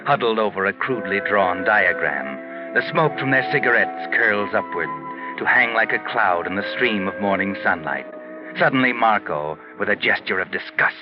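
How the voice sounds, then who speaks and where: The Whistler, actor as ominous low-voiced radio narrator. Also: male voice, close to an everyday voice. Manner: slow, ominous, theatrical. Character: The Whistler, ominous mysterious male narrator of crime tales. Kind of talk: 1940s radio mystery narration. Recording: muffled 1940s radio recording, loud music behind. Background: loud music.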